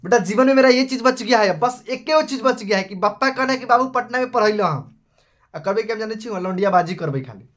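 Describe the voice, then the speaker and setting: A man's voice: sits high, expressive, quick pace, hardly any pauses. A young man with a Bihari accent teaching maths in a live class, chatty and scolding, calling his students beta. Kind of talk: casual Hindi live class.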